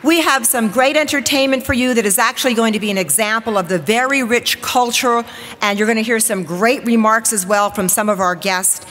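A woman in her forties who works as a TV weather reporter delivers an upbeat, formal welcome speech from a lectern on stage in a large hall, rallying the crowd. Her voice is a little high, brisk and a bit bright, picked up by a lectern microphone with long hall reverb.

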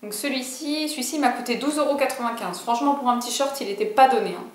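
A woman's voice: high voice, fast talker, echoey room. A young woman vlogger chatting casually through a clothing haul, bubbly and full of fillers and asides.

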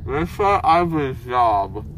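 A man's voice: medium pitch, very animated, takes it slowly. Groggy young man fresh from anesthesia, noisy car. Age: young adult. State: groggy from anesthesia, numb mouth. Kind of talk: casual sweary chat. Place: back seat of a moving car. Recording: noisy moving car, distant microphone.

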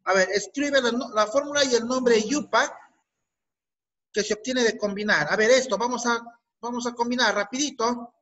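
A man's voice: very high voice, moderate pace, sharp tone, rough recording. A man teaching a chemistry class with a Peruvian Spanish accent, asking students questions and repeating their answers. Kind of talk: online class lesson.

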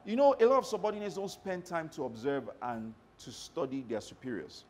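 A male motivational trainer speaking to a roomful of staff, his voice pitched a little high and swinging widely as he tells stories. He keeps stopping to check that his listeners are following him. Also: a little fast, slight background noise. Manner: animated storyteller who checks in with the audience. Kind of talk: live workshop talk to staff.

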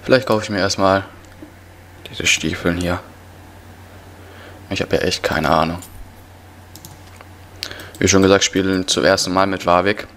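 The let's player here is a young man with a cold and cough, casually narrating gameplay in slang and muttering to himself. He has a low-pitched, steady, fairly bright voice, speaking at a measured pace with many pauses. Keyboard typing is heard in the noisy home recording made indoors at his computer.

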